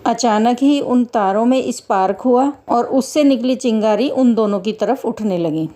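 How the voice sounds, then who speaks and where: A woman narrating a devotional story in a measured, dramatic manner. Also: fairly high pitch, warm tone.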